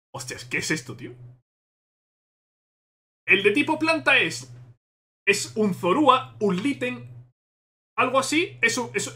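A man with a Spain Spanish accent, reacting excitedly to a game trailer and thinking aloud as he repeats himself. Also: extremely high pitch.

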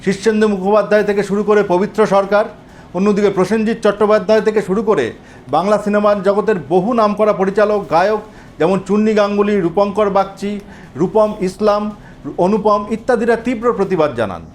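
A man narrating a political news report in a steady, earnest scripted delivery that addresses viewers as friends. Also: high-pitched, a little hiss or hum.

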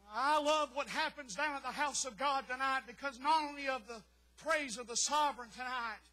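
A man preaching a fervent sermon in church, rising to shouts and dropping low, with many "uh" fillers. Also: rough recording. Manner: fervent, rises to shouts then drops low, frequent "uh" fillers. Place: church sanctuary.

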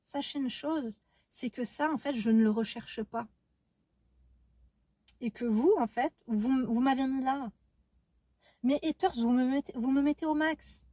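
A young woman vlogger telling a personal story to her viewers in a chatty, animated way, with many restarts and asides. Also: high voice, no echo. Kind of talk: casual storytime to camera.

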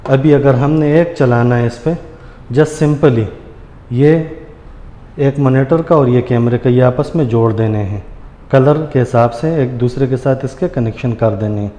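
A warm, medium-pitched male voice at a measured pace leads a casual hands-on tutorial, addressing viewers as friends and going step by step. He stands at a granite counter in a tiled room, recorded in a noisy, echoey hard-walled space.

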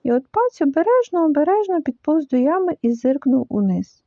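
A woman reading a children's story aloud in an expressive, animated way. The recording is dull and lo-fi. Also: high voice, moderate pace, dry recording. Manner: lively, animated, full of voices.

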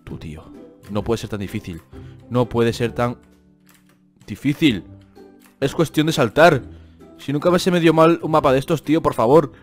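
A man's voice: mid-range voice, normal speed, pauses often, soft background music. A young man with a Spain Spanish accent giving gameplay commentary, exasperated and complaining, with dramatic outbursts. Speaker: gaming youtuber.

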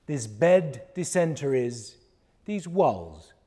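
A man's voice: medium pitch, big pitch swings, very slow, warm tone, slightly rough. A middle-aged man reciting poetry dramatically in Shakespearean English with reconstructed early modern pronunciation, projecting to the room in a wooden hall. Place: wooden recital stage indoors. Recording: long reverb of a wooden hall.

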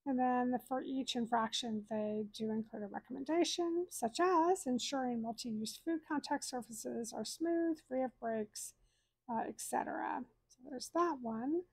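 A woman in her thirties, host of a cruise channel, calmly walks viewers through a set of scores from a room in her home, explaining each one in a warm manner. Her high voice is slightly rough with vocal fry, and she keeps a measured pace. There's no room sound, but the audio is poor.

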